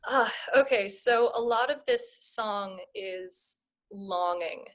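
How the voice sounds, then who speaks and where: A woman singer in a class talks slowly and haltingly about her piece. She pauses, searches for words and laughs nervously, heard over a video call. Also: fairly high pitch. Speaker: student singer. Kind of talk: answering questions in a class.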